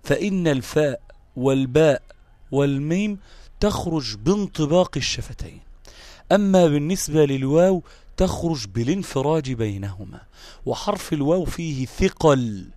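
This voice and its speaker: A man teaching Quran recitation online in real time speaks in a slightly high, mellow voice at a moderate pace, his intonation lively. He has an Egyptian Arabic accent, explains patiently, repeats terms, checks on his listeners, and the audio is free of echo.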